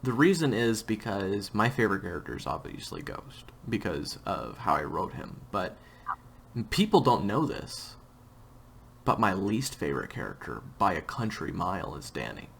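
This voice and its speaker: A man's voice: deep voice, very animated, moderate pace, vocal fry, fairly bright tone, a little hiss or hum. A man hosting a casual interview chat, speaking in a frank, blunt and emphatic way. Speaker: writer, voice actor and host of the series.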